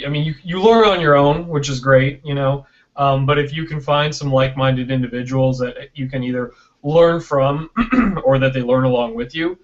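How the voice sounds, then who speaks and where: On a lo-fi, dull-sounding video call, an American interview guest from Michigan, a film producer and director, chats casually in a voice on the high side. He keeps checking in with "right?" and "you know" and acts out quotes he imagines people saying.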